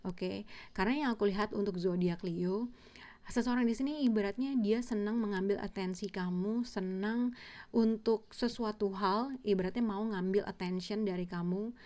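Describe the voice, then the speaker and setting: A woman's voice: mid-range voice, moderate pace, darkish tone. A woman giving a casual tarot reading, rambling with many fillers and restarts and mixing in English words. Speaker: tarot reader.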